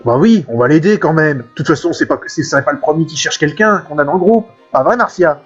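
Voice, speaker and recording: A man chats casually while he plays a game and thinks aloud in loose asides. His voice is a bit high and husky. The recording sounds dull and lo-fi, with faint game music behind him. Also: lively intonation, fairly quick. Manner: chatty asides, musing aloud. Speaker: let's play gamer.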